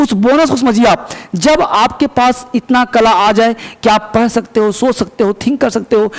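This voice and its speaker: A man's voice: very high-pitched, in a large hall. A man teaching a spoken-English lesson with emphasis, repeating key words and asking and answering his own questions.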